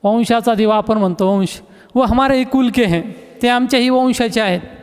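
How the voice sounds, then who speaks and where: High-voiced patient male teacher, echoey room. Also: moderate pace, a little mellow, clear, resonant tone. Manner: patient, repeats words and keeps saying "look". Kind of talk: recorded class lesson.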